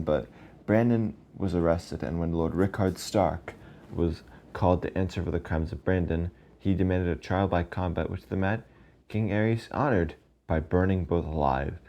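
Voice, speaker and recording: A man with a low, dark voice narrates a video in an informal, scripted way. His words are slightly slurred by the retainer he is wearing, and he sometimes trips and restarts. A faint noise sits behind the voice. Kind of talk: casual scripted narration with asides.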